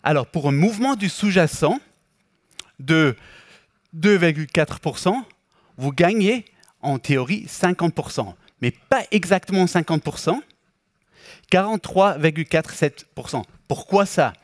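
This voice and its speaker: Higher-pitched man with mixed Swiss German accent. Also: lively intonation, no echo, clean studio sound. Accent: Swiss German with Québécois and English influence, speaking French. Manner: halting, self-correcting. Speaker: bank product specialist giving a presentation. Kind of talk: explanatory financial presentation.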